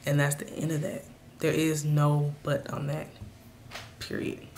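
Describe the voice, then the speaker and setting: A woman with a raspy, hoarse voice from a cold, giving earnest motivational advice straight to her viewers in a casual vlog. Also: low-pitched, monotone, a little slow, darkish tone, a little hiss or hum. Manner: earnest, speaks to viewers directly. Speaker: vlogger.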